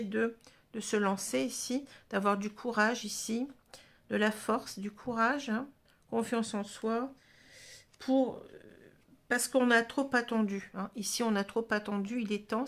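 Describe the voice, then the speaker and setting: A woman giving a casual tarot reading, talking in halting phrases with many fillers and restarts. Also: a little high, creaky. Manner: halting, full of "hein" and "vous voyez", restarts. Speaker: tarot reader.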